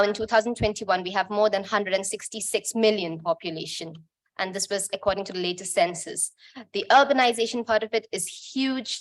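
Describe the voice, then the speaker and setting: A woman from Bangladesh gives a conference presentation in a relaxed, talkative way. She corrects herself as she goes and jokes with the audience, in a voice set a little high. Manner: informal, chatty, self-correcting.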